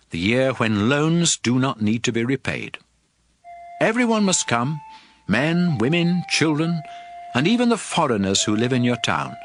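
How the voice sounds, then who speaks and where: An actor playing Moses, an aged, solemn and commanding Israelite leader, exhorting in a declamatory dramatized scripture reading. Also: male voice, mid-range voice, a bit bright.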